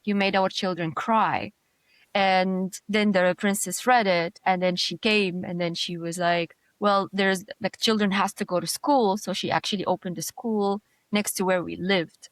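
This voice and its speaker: A woman from Jordan looks back on her childhood as an interview guest, mid-pitched and unhurried, pausing often with small fillers and restarts. The recording is close and dry, with almost no room sound. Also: fairly even intonation, no room sound. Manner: reflective, hesitant with many fillers and restarts. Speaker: design executive guest. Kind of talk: conversational interview storytelling.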